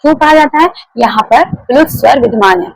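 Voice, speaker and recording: A woman's voice: sits high, lively intonation, fairly quick, no room sound, low-quality recording. A woman teaching a grammar lesson, explaining step by step, repeating key points and putting questions to her students. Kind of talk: classroom lecture.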